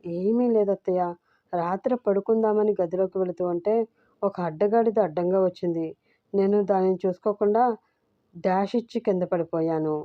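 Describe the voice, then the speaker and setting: A woman voicing a sharp-tongued young bride who teases and insults her husband, in a dull, dry recording. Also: medium pitch, moderate pace, no echo, natural voice. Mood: sly. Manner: teasing, cheeky.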